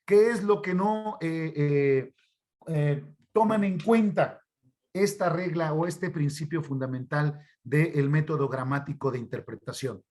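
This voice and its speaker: A man with a Mexican Spanish accent leads an online Bible interpretation class, his voice sitting a bit high. He keeps calling his listeners brothers and puts questions to the class as he goes. He speaks into a computer mic on a video call. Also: unhurried, a little mellow. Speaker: Bible study instructor. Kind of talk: online church workshop teaching.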